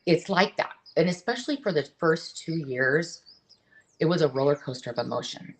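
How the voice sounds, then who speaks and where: Low-pitched middle-aged woman, interview guest, earnest and halting, lots of restarts. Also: animated, rough recording. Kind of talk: candid conversational interview.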